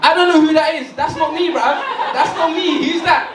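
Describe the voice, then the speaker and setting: A man's voice: very high-pitched, moderate pace, recorded from a distance, noisy background. A young man doing a stand-up set in a big hall, slightly tipsy, joking and laughing with the crowd. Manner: playful, laughing, shouting to the crowd. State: a bit tipsy. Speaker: stand-up comedian. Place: stage in a large hall with audience. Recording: echoey hall, mic picked up from afar, loud crowd. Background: audience laughter and cheers.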